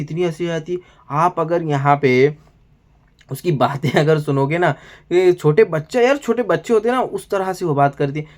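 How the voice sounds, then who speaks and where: A man's voice: a little high, a little mellow. A man doing casual commentary as an online video reviewer, repetitive and exclaiming often.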